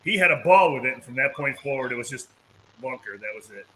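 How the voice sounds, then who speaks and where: A man casually telling an anecdote on a podcast, animated, acting out both sides of a conversation. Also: mid-range voice, fast, a little hiss or hum, poor audio. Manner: animated anecdote, voicing others in quotes. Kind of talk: casual storytelling.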